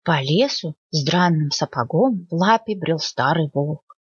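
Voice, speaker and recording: Woman reading a kids fairy tale, really lively pitch, kinda husky, dull dry lo-fi sound. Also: measured pace, dry recording. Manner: expressive storytelling, lively pitch. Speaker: librarian reading aloud.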